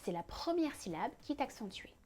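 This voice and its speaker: Woman teaching pronunciation, higher voice. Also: sing-song, brisk, a little mellow, faint music behind. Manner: clear, carefully articulated explanations with spoken word examples. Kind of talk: scripted online lesson.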